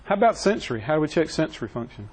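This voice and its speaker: A man's voice: fairly high pitch, very animated, racing, a little mellow, slight background noise, poor audio. Man, EMS instructor, conversational teaching, joking with the class. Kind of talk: classroom training lecture. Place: training classroom.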